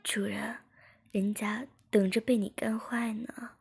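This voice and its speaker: A playful, eager young woman speaks in a soft, coaxing way, voiced by a woman reading the story. The tone is breathy and husky, with a faint gravel underneath. Her voice climbs high when she pleads. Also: little pitch movement, slow pace, exaggerated voice.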